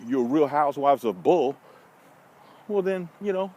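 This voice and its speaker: His voice runs on the high side with lively intonation, a little slow and darkish, and the audio sounds dull. He's an American vlogger and social media marketing consultant walking in a park, speaking bluntly and casually with rambling, wry, folksy asides. Traffic and city ambience make the outdoor recording noisy.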